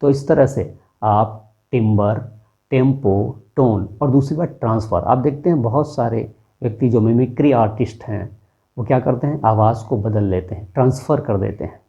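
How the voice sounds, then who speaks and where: A man's voice: medium pitch, normal speed, mellow, lo-fi sound. A man teaching a lesson, explaining step by step and posing rhetorical questions to his viewers. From India.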